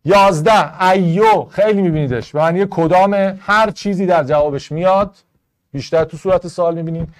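A man teaching an online Arabic grammar class in Persian, going briskly through test answers and rules, step by step. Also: high voice. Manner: brisk, explaining step by step to students.

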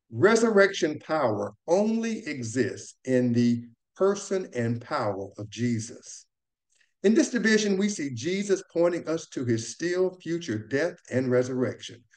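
Guy doing a bible study lesson, earnest and measured, mid voice. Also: mid-range voice, darkish tone.

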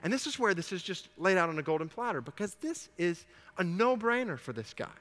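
A man preaches a sermon in a large church auditorium, his voice bright and pitched fairly high. He talks with animation, dropping to a hush and then rising loud as he acts out the dialogue. Long reverb from the hall trails every phrase. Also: sing-song, a little fast. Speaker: pastor.

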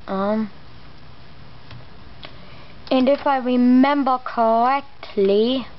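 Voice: mid-range voice, very slow. A let's player giving casual, sweary gameplay commentary, with slightly imprecise R sounds. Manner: casual swearing, muttered exclamations. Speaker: let's play host. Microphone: camera pointed at a monitor. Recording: muffled lo-fi mic, noisy background.

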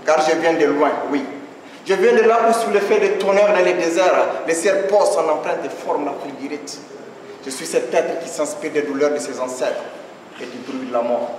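A man's voice: a little high, normal speed, slight background noise. Nigerien man declaiming slam poetry. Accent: Nigerien French. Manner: rhythmic, declamatory, emphatic cadence. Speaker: slam poet. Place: stage at an evening show. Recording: echoey hall from far off.

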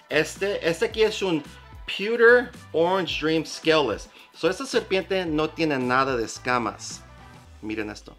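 Excited man in an echoey room. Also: mid-range voice. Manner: excited, mixes English fillers into Spanish. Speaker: reptile breeder and YouTuber. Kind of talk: casual vlog talk to camera.

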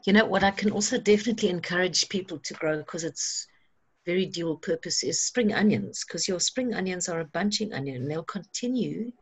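A woman's voice: on the low side, lively intonation, brisk, breathy edge. A woman leading an online workshop, encouraging and practical in tone. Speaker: workshop facilitator. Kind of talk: guiding an online seed-saving workshop.

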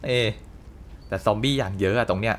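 A man's voice: fairly low pitch, a little fast, slight background noise. A man hosting a gaming channel who gives chatty let's play commentary and exclaims at the action.

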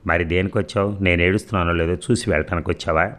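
A man's voice: low voice, fairly even intonation, fast, fairly bright tone. A man reading the lines of a stern, proud mother who scolds curtly. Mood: curt, scolding. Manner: curt and scolding. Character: stern proud middle-aged mother, sharp-tongued.

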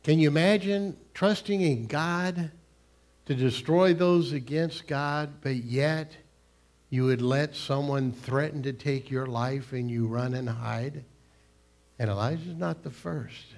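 An older man, a pastor preaching a sermon in a church sanctuary, swinging between loud emphasis and hushed, near-whispered lines. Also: on the high side. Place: church sanctuary, large room.

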